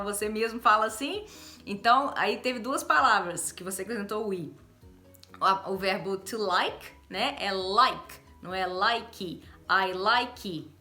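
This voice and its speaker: A Brazilian woman teaching English in a casual online lesson, cheerful, laughing often and slowly drilling example phrases. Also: medium pitch, pushed and bright. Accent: Brazilian Portuguese. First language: Portuguese.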